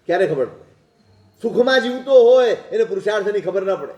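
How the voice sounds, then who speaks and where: A man's voice: sits high, lively intonation, fairly quick, mellow, muffled recording. Man, preaching a sermon, storytelling, rhetorical questions, roomy echo. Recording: echoey hall.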